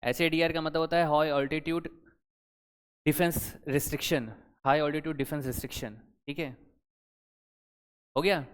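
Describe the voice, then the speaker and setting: A young man leads an exam-prep lesson in a conversational, quizzing way, often asking his students questions. His voice is smooth and sits a little high. A long reverb trails behind his words, as if he is speaking in a hall. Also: steady tone, moderate pace, long pauses. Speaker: current affairs teacher.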